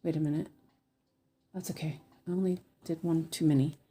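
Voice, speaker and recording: While she stitches on a craft livestream, a woman talks casually and thinks out loud, a lisp pushing her s sounds toward sh. She speaks fairly quickly in a low, dark, slightly rough voice with fairly even intonation.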